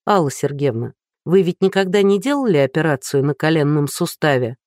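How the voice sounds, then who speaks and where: A storyteller voicing a woman police captain, calm and delicate in tone but firm, in a plain, even voice. The audiobook narration is dry and close. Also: deep voice, fairly quick, no room sound. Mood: steady. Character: brisk, tactful female police captain.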